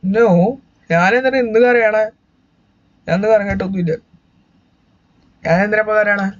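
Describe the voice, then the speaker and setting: A man's voice: high voice, moderate pace, lo-fi sound. A young man and YouTube gamer giving chatty, joking let's-play commentary, talking to his viewers as guys.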